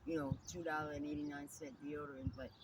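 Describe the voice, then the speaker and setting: A middle-aged woman with a New Jersey accent speaks quickly in a deep voice, candid and animated in an interview. She's chatty and calls the listener "girl." The mic is distant, with loud outdoor noise.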